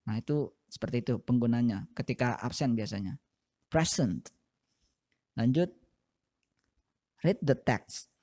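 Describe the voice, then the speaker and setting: Slow, patient male English teacher. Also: mid-range voice, expressive, warm tone. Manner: repeats each English phrase twice, drilling pronunciation; explains patiently in short steps. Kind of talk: recorded classroom lesson for seventh graders.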